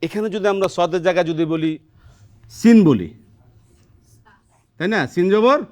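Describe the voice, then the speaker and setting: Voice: mid-range voice, a little slow, darkish tone. Tv quran teacher, patient, keeps quizzing the kids, always asking "right?", studio. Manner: quizzes students, often adds a questioning "right?"; patient and encouraging. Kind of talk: children's Quran pronunciation lesson. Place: television studio.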